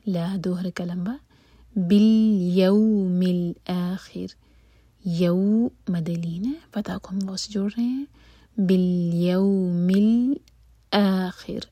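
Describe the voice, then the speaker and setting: A woman teaching Quran recitation rules, explaining in a soft whisper and then reciting slowly with long drawn-out vowels. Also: mid-range voice, slightly rough, no room sound. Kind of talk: tajweed lesson with recitation.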